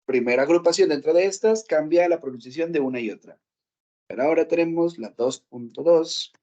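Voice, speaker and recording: A man's voice: a little high, a little fast, warm tone, lo-fi sound. Man teaching English. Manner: explains step by step, checks with "¿ok?" often. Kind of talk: classroom lesson.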